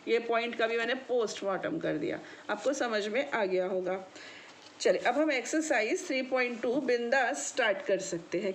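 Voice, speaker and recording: A woman's voice: on the high side, slight background noise. A woman teaching a maths lesson in a patient, explaining way, often checking whether her students have understood and calling them child. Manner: addresses students affectionately as child. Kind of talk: classroom explanation.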